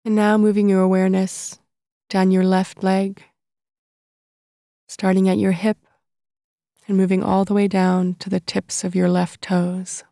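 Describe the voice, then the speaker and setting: Female meditation narrator: soft, relaxed and soothing, slow phrasing with long pauses, very dry close sound. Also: mid-range voice, creaky, no room sound. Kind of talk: guided body-scan meditation narration.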